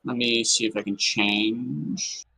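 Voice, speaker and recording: Male co-host whose call line echoes as if from a silo; bright, tense tone, halting delivery. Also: mid-range voice, steady tone, gravelly. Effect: echoing voice over a call, as if inside a silo. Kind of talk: casual chat on a voice call.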